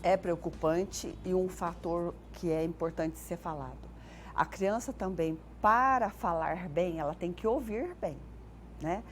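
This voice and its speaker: A woman's voice: on the low side, measured pace, a little hiss or hum. Brazilian woman explaining patiently. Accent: Brazilian Portuguese. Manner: explanatory, animated when acting out sounds for children. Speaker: speech therapist guest. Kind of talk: TV morning show interview.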